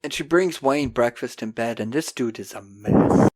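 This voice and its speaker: A man hosting a podcast, recapping a film in a casual, animated, jokey way. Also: medium pitch, moderate pace. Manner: animated storyteller, jokey, acting out scenes. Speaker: podcast host.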